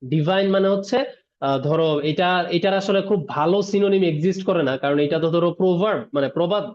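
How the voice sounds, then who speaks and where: Fast, high-voiced teacher. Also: male voice, a little mellow. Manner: explains word by word, mixing English terms, asks "ঠিক আছে?". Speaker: English teacher. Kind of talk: online class lecture. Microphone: video call. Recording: dull lo-fi online class audio.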